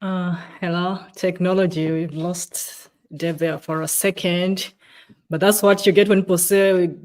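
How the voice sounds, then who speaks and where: A woman's voice: lowish voice, fairly even intonation, measured pace, darkish tone. A woman with a Ugandan accent co-hosting a live webcast, chatty and upbeat, greeting viewers and reading out their comments. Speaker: webcast co-host.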